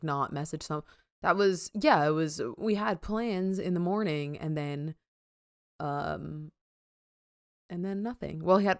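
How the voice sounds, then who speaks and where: Low smooth giggly young woman. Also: no echo, studio quality. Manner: giggly, rambling with many fillers. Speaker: podcast co-host. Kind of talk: casual chat.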